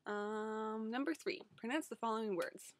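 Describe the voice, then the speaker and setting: A woman's voice: on the high side, moderate pace. A young woman with an Ontario Canadian accent talks casually to camera in a hesitant, rambling way with frequent asides. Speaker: vlogger, website story editor.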